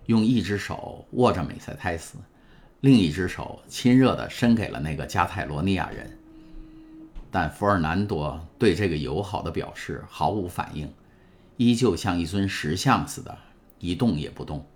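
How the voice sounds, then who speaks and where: A man narrating a novel in a calm, measured storytelling way. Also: low voice. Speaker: audiobook narrator. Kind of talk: scripted narration. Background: faint music.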